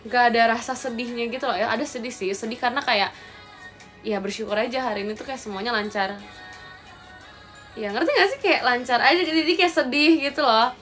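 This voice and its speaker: A woman's voice: fairly high pitch, a bit bright. A young woman chatting casually to her viewers on a livestream, rambling and talking to them directly. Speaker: idol livestreamer.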